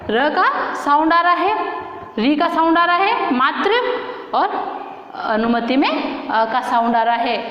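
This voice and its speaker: A woman teacher giving a grammar lesson, asking her class questions and answering them herself. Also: high-pitched. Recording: very echoey room, dull lo-fi sound.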